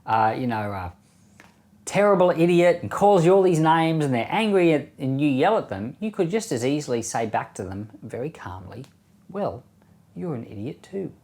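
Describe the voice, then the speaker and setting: A male pastor who reads scripture slowly, then comments in a relaxed, conversational way with frequent soft chuckles. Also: a little high. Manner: reads verses slowly and deliberately.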